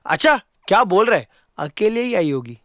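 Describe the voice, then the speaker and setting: A man's voice: high-pitched, sing-song, dry recording, studio quality. A man voicing a little cheeky male cartoon presenter who reads film news and cracks jokes. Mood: teasing. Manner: teasing, quick with jokes.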